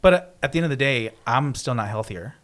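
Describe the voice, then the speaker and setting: Podcast co-host, man, mid-pitched voice, loose rambling and teasing. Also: lively intonation, a little fast, a bit bright. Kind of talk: casual chat.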